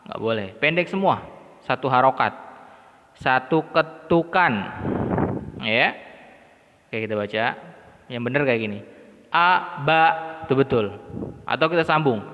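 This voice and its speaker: A man's voice: medium pitch, expressive, a little slow, pauses often. A man teaching Quran letter reading, patiently repeating syllables one by one for the learner to follow. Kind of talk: slow step-by-step lesson. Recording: lo-fi recording in a reverberant room.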